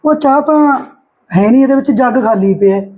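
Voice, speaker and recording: Actor as mild, easygoing Punjabi nephew. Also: male voice, extremely high pitch, a little fast, a little mellow. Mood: casual. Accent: Punjabi, Malwa. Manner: mild, conciliatory. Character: easygoing, resigned nephew in a village household. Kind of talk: amateur short-film acting.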